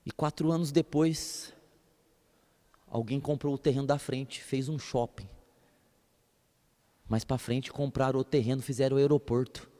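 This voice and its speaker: A man preaching a sermon as a pastor, telling stories in an animated way and acting out voices. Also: mid-range voice, measured pace, long pauses, big-room sound. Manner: animated storytelling, acts out voices and laughs.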